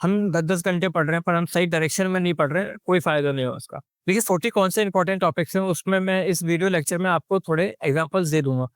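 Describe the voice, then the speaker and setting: A man's voice: high-pitched, fast talker, hardly any pauses, clear, resonant tone, no echo, clean studio sound. A young man coaching exam aspirants in a lecture, talking bluntly and mixing English phrases into his speech. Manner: direct, blunt, mixes English phrases into Hindi.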